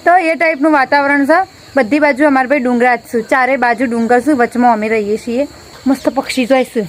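A woman with a somewhat high voice talks to camera in an easy, rambling way, dropping a friendly filler word into almost every sentence. She records outdoors on a rooftop with a handheld phone. Faint insects and crickets chirp behind her. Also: fairly even intonation, fairly quick, slight background noise. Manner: chatty, keeps adding a friendly filler word. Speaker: family vlogger. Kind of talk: casual chat to camera.

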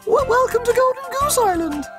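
A man's voice: very high-pitched, lively intonation, brisk, over music, voice pushed up. A man voicing a flustered, friendly female goose in a children's story, stammering and honking. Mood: welcoming, fluttery.

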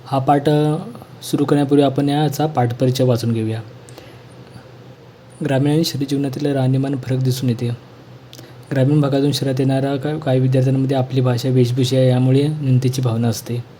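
A man reading a school textbook lesson aloud in a plain, measured way. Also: medium pitch, flat delivery, dark tone, slight background noise.

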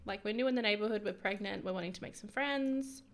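A woman giving casual, chatty commentary over life-sim gameplay, excitable, with frequent whispered asides. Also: mid-range voice, quick pace. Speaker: gaming YouTuber.

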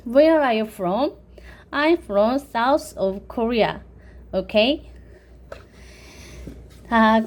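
A woman teaching children online, patiently counting strokes aloud and drilling pronunciation. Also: a little high.

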